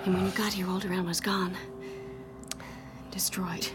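An actress playing a brave, sharp-tongued young princess in a radio drama, quick and decisive. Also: female voice, lowish voice, little pitch movement, noisy background, lightly acted. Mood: hushed.

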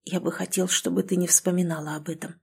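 A woman voicing a calm, protective male alpha werewolf in an audiobook, speaking quietly and evenly. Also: mid-range voice, normal speed, close to an everyday voice. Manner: quiet, even and soothing.

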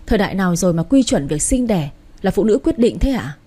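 A woman's voice: mid-range voice, big pitch swings, fast talker, dark tone, slightly rough. Woman reading as an exasperated young husband. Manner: firm, exasperated. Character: frustrated young husband defending his wife.

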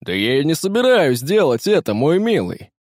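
A man's voice: mid-range voice, animated, moderate pace, darkish tone, dry recording, clean studio sound, lightly acted. A male narrator voicing a cruel pirate captain who barks orders and mocks his captives. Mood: mocking. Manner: barking orders, cold mockery.

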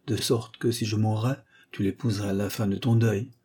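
A man's voice: fairly low pitch, fairly even intonation, normal speed, dark tone, slightly rough. A man reading aloud, voicing a proud, stubborn farm mother who speaks curtly. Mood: stern. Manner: curt, dry.

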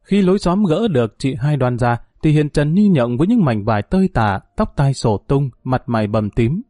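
A man narrating a story in an expressive, dramatic audiobook reading. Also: mid-range voice, normal speed, no echo, studio quality.

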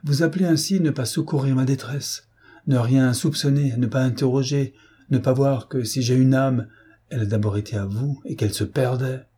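A man's voice: medium pitch, steady tone, moderate pace, mellow, breathy edge, pitched above the performer's own voice, close to an everyday voice. A man voicing an embittered young man reproaching his parents with impassioned bitterness. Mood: bitter.

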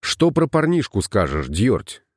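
A man's voice: fairly low pitch, huge pitch swings, a little slow, dry recording, studio quality, heavily acted. A man reading an audiobook, voicing a grim, red-haired wandering herbalist who speaks tersely. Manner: terse, curt.

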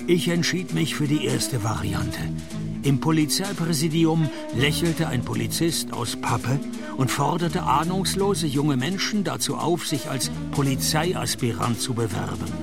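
World-weary noir private eye, gravelly, deadpan sarcasm, radio drama with music behind. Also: male voice, a little high, a little slow. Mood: wry narration. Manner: deadpan, dry. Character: sardonic, world-weary male private detective, noir narrator. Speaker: private detective narrator. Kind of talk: noir detective radio drama, dialogue and first-person narration.

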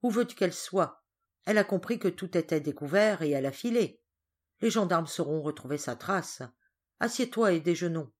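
A woman reading the lines of a stern, forceful elderly spinster in a storybook, brusque and commanding, in a slightly low voice. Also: expressive, normal speed.

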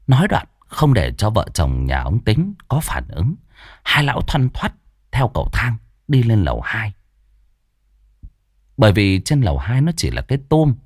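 A man narrating a ghost story in a dramatic, animated way. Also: on the low side, husky, dry recording, clean studio sound.

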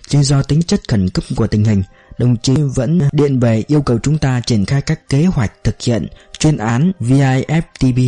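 A man's voice: mid-range voice, warm tone, natural voice. A man voicing a tall, charming male police officer in a read-aloud novel, opening a meeting in a formal, ceremonious way.

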